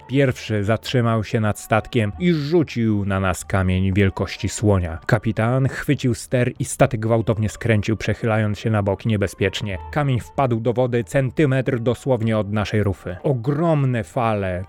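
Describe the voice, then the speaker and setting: A man narrating an adventure tale in the first person, in a vivid, expressive storytelling manner. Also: on the low side. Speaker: audiobook narrator. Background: faint background music.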